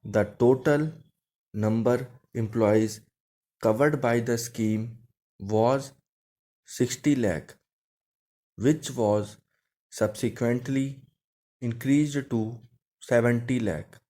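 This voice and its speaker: A man's voice: mid-range voice, slow, long pauses, dark tone. A man with an Indian accent reading a script aloud as dictation, in short, separated phrases. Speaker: dictation reader for shorthand skill test. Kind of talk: slow measured dictation read from a script.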